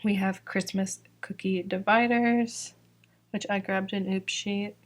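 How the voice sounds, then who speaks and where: In this relaxed product walkthrough, a young Georgia sticker shop owner shows off her latest releases. She talks slowly in a mid-range voice with fairly even intonation, slightly worn, and chats along with lots of "like" and "um."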